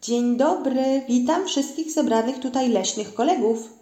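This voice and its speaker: Earnest storybook father, voiced by a woman reader, slow, slightly raised. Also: high voice, dark tone. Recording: roomy echo.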